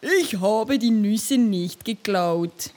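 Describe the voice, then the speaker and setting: A woman's voice: mid-range voice, lively intonation. A woman voicing indignant forest animals. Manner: loud, slow, stressed denials. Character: indignant forest animals, mole, hare and hamster. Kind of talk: rhyming storybook reading.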